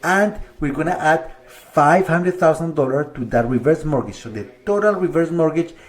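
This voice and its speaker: This middle-aged Colombian mortgage broker has a fairly high voice and talks at normal speed. In an explanatory video monologue, he walks viewers through the numbers step by step in a relaxed, conversational way, with slight restarts.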